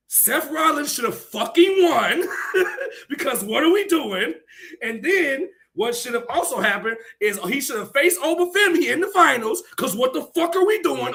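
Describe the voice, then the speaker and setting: A man co-hosting a casual podcast chat, ranting in a heated, profane way, often shouting and breaking into laughter between points. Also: very high-pitched, creaky. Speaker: podcast co-host.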